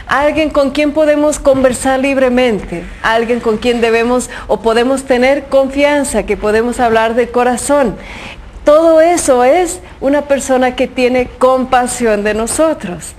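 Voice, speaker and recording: A woman's voice: high voice, darkish tone, slight background noise. A woman giving a reflection on a Gospel passage, earnest and fervent, with many rhetorical questions. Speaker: religious speaker reflecting on the Gospel.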